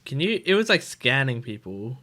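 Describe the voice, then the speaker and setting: An Australian gaming streamer jokes and reacts casually over a video game, sometimes reading text aloud, with faint game music behind him. His medium-pitched voice is very animated, bright, and forceful at a normal speed, with slight background noise.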